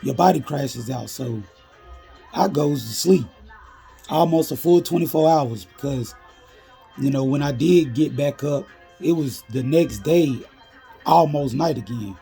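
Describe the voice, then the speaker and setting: A man tells street stories in a laid-back storytime style, heavy with slang and "you know". His voice is husky and dark with a gravelly edge. Faint music plays under him. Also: medium pitch, unhurried. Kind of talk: casual storytime narration.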